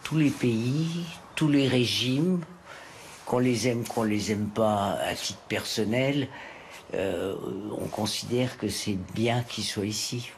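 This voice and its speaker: A man interviewed on the street as a local resident, answering in a measured, deliberate way over some background noise. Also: medium pitch, low-quality recording.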